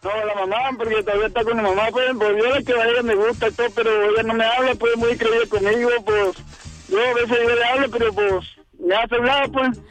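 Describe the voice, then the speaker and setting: A Guatemalan man in his thirties calls in to a radio show. His voice is very high for a man and he talks quickly, hesitant and shy, stringing his thoughts along with fillers. Faint music sits underneath. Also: fairly even intonation, fairly bright tone, low-quality recording. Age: 30s. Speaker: radio caller.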